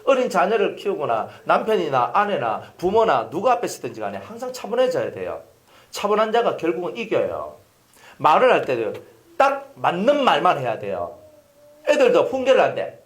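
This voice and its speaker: A man's voice: high voice, normal speed. A male pastor preaching a sermon, telling stories and acting out scenes. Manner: animated storytelling, acting out scenes with voices. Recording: echoey hall.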